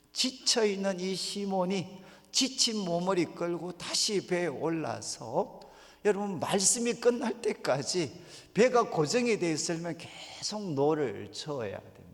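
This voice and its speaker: Lively gravelly male preacher in reverb. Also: on the high side. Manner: addresses the congregation with rhetorical questions. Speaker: pastor. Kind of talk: revival sermon. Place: church sanctuary.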